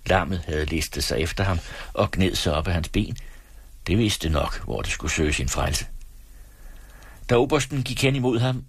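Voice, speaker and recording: Low gravel-edged man narrating a story, steady pacing, no room sound. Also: no echo. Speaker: audiobook narrator. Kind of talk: scripted narration.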